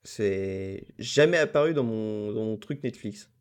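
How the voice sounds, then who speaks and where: A man's voice: lowish voice, animated, unhurried, clear, resonant tone. A man co-hosting a podcast, chatting casually and reacting with blunt, informal remarks. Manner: casual, swears, reacts with surprise. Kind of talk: casual chat.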